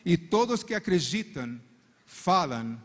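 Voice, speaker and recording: A middle-aged man, a couple's coach and native English speaker, preaches and prays in careful Portuguese at a church conference, speaking slowly but very animatedly into a handheld mic. His voice is on the higher side for a man, and he fervently repeats "Father" between phrases. He's on a large arena stage before a crowd, and the hall's long reverb trails every line.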